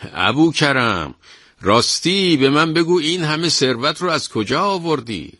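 A man voicing an old wife who is frightened and curious, speaking in high, alarmed exclamations. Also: steady tone, gravelly, slightly rough, no echo, studio quality, full character voice. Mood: eager.

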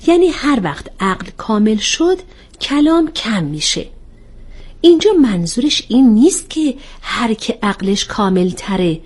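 A woman voicing a calm young woman who patiently explains things in a storybook reading. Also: fairly high pitch. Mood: explaining.

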